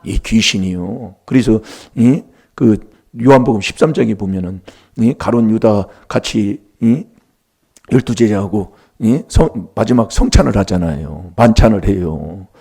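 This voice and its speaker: A man's voice: on the low side, unhurried, vocal fry, warm tone, husky. A middle-aged man preaching a sermon in a church, emphatic and prompting the congregation for replies.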